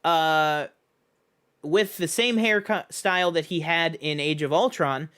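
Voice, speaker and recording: A man's voice: fairly high pitch, a little slow, sharp tone, clean tone. A man co-hosting a casual film review podcast, laying out his theories with lots of ums and you-knows. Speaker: podcast co-host.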